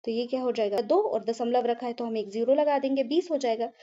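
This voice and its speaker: A woman with a high but mellow voice teaches maths one careful step at a time. She keeps checking in with the class and answers her own questions as she works. The recording sounds a little dull and lo-fi. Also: brisk. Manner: patient, repeats "ठीक है" and asks herself questions.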